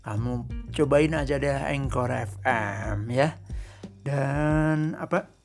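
Man, podcast host, relaxed rambling chat, gravelly voice, soft guitar behind. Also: mid-range voice, slow pace. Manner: easygoing, rambling, conversational. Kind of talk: casual solo podcast monologue.

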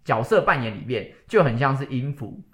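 A young man from Taiwan, co-hosting a casual podcast chat, jokey and leading the talk. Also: mid-range voice. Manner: quick, lively, jokey, leads the talk. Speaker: podcast co-host.

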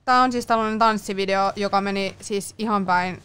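A woman's voice: mid-range voice, steady tone, a bit bright, smooth. A woman in her twenties from northern Finland, a guest chatting casually with lots of fillers. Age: 20s. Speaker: guest, content creator. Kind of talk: casual chat.

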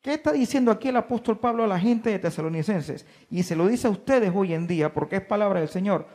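A man preaching a sermon to his congregation, stressing key words by drawing them out slowly and putting questions to his listeners. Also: high voice, animated, a little mellow, in a large hall. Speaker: pastor. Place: church.

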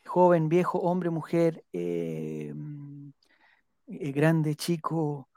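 Big pitch swings mark the dark-toned, mid-range voice of a live stream host with a Chilean accent. Rambling and joking, he reads viewer comments out loud and repeats names slowly as he notes them down. The recording is dry and close.

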